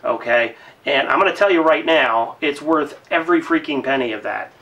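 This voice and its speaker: A man's voice: fairly high pitch, animated, normal speed, fairly bright tone, far from the mic. A man casually reviewing violin gear in a video, rambling with lots of fillers and restarts. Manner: breezy upbeat sign-off.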